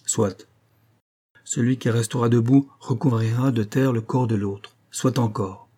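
A man's voice: mid-range voice, fairly even intonation, measured pace, warm tone, close to an everyday voice. A man voicing a proud, cornered young nobleman who argues insistently, in a storybook reading. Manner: heated, insistent pleading.

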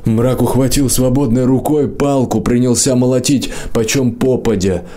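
A man narrating a fantasy audiobook in a steady storytelling manner. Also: medium pitch, moderate pace.

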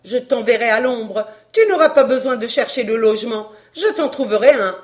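A woman voicing a haughty countess, sharp and imperious as she scolds. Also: on the high side, normal speed, lightly acted. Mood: threatening. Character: furious haughty countess, middle-aged woman.

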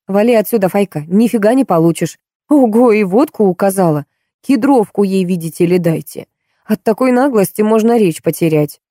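A woman's voice: medium pitch, animated, normal speed, dark tone, no room sound, studio quality, natural voice. A woman reading an audiobook, voicing a harsh, angry female housekeeper who scolds and snaps. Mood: scolding.

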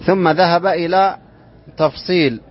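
Guy teaching a class, bit high voice, recites verse slow then quizzes students, muffled lo-fi recording. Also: fairly even intonation. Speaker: sheikh teaching inheritance law. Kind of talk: classroom lesson explaining a poem.

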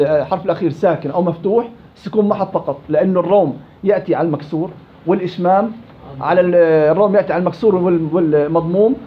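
A man's voice: sits high, a little hiss or hum. A man teaching tajweed rules to a class, quizzing students and drilling examples aloud. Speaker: Quran recitation teacher. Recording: dull lo-fi classroom recording.

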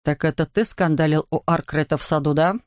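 A woman's voice: low-pitched, steady tone, brisk, no echo, studio quality, pitched below the performer's own voice, close to an everyday voice. Woman voicing a stern, curt grown man. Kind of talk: audiobook narration.

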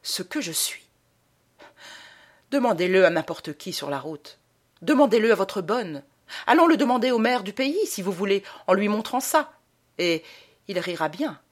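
A woman's voice: medium pitch, very animated, normal speed, long pauses. A woman reading aloud and voicing a sneering, menacing young male vagabond who laughs at the priest. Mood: mocking. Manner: mocking, jeering, laughing.

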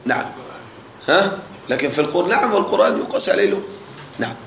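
A man with a high voice teaches grammar to a live class in a roomy, echoing hall. He explains patiently, repeats the key terms and keeps asking whether the students follow. Faint background noise sits under his voice. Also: lively intonation, quick pace, creaky, a bit bright. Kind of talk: classroom lesson.

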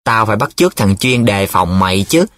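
A man's voice: fairly low pitch, expressive, a little fast, fairly bright tone, no room sound, studio quality, soft background music. A man playing Mẫn, a flustered young student. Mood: defensive. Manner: hesitant, defensive. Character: flustered, secretive young male student in love.

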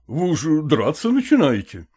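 A man's voice: on the high side, huge pitch swings, normal speed, dark tone, husky, voice pushed up, heavily acted. A man doing a smug, evasive old-school professor. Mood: patronizing. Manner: patronizing, soothing, smug. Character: condescending middle-aged male professor, evasive. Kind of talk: audiobook character reading.

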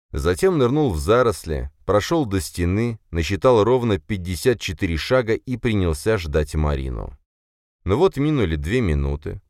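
Male audiobook narrator, very low voice, steady first-person delivery, dry booth sound. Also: dry recording. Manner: steady, measured storytelling.

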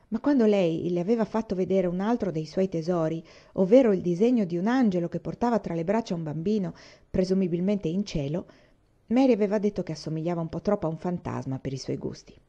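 A woman reading a novel aloud in a calm, even storytelling manner. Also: fairly low pitch, brisk, highs cut off. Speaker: audiobook reader.

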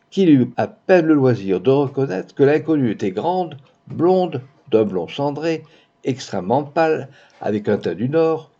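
A man narrating a classic novel as an audiobook, reading in a measured, expressive way. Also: mid-range voice, gravelly, breathy edge. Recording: dull lo-fi recording.

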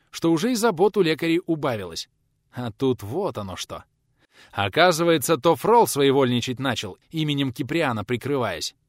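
A man reading a historical novel aloud as narrator, with expressive storytelling. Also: mid-range voice, no room sound, clean studio sound. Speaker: audiobook narrator. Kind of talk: scripted narration.

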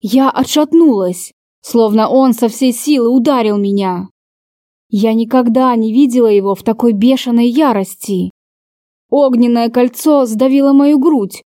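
A woman's voice: fairly high pitch, warm tone, no room sound, clean studio sound. A woman reading a first-person novel aloud with emotional, dramatic delivery. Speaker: audiobook narrator.

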